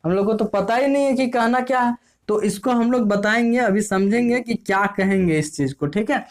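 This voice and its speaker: A woman's voice: fairly high pitch, moderate pace, darkish tone. A woman teacher explaining a lesson, often asking and answering her own questions. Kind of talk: casual classroom explanation.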